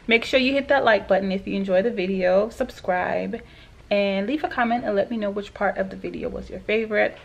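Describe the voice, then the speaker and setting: With a medium-pitched, brisk voice full of vocal fry, a woman in her thirties films a casual day-in-the-life vlog, talking chattily to a phone or camera at arm's length at home and in her car. The recording is muffled, with background noise and car air conditioning.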